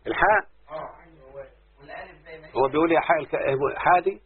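A male teacher with an Egyptian Arabic accent, his voice a little high and his pace moderate, teaches word forms in a classroom. He keeps quizzing the students with repeated questions, and the recording sounds tinny, lo-fi and phone-like.

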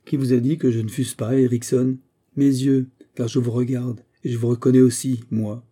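A man playing a booming, commanding warrior king. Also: flat delivery, normal speed, warm tone, close to an everyday voice. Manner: imperious, booming.

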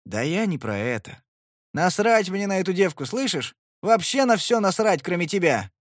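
Male narrator doing a jealous young man, rough, accusing, loud outbursts. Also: a little high, big pitch swings, moderate pace, dry recording, studio quality. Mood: desperate. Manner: accusing, shouting.

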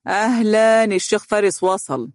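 The narrator voicing a sly young male co-worker who talks fast and mockingly, in Egyptian Arabic. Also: medium pitch, darkish tone, breathy edge, no room sound, studio quality, close to an everyday voice. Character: young man co-worker, sly and money-minded.

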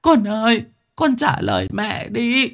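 A man voicing a blind old mother calling out and sobbing for her son, with a high, cracking voice. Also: slow pace. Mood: wailing.

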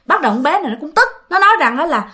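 A woman with a high voice narrates a ghost story. Her delivery is casual and chatty, with loose run-on phrasing, and she keeps speaking directly to her listeners. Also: sing-song, rapid-fire, sharp tone.

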